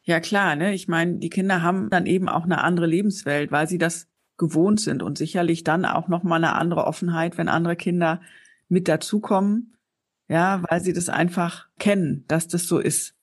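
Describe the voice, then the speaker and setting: A woman's voice: fairly low pitch, steady tone, moderate pace, breathy edge. A woman interviewer who asks long, reflective questions and thinks aloud.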